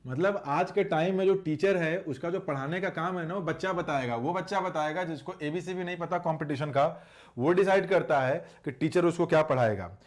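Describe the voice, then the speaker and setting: A man with a slightly higher voice leads a live online exam-prep lesson in English grammar. He keeps up a chatty patter with a scolding edge toward his students and slows right down to read out each example sentence. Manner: reads English sentences slowly. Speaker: English teacher.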